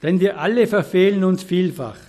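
A man delivering a church sermon in an earnest, exhorting way. His voice sits a little high for a man. He reads scripture passages with careful emphasis. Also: normal speed, darkish tone. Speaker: preacher.

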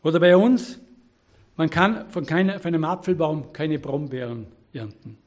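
A man's voice: a little high, normal speed, a little mellow. A man preaching a sermon, earnest and exhorting, quoting scripture with emphasis.

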